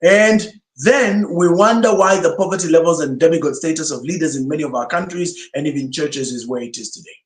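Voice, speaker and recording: A male pastor whose first language is Swahili delivers an emphatic, sermon-style teaching talk packed with rhetorical questions. His voice is on the high side, brisk, with few pauses. The recording has a roomy echo.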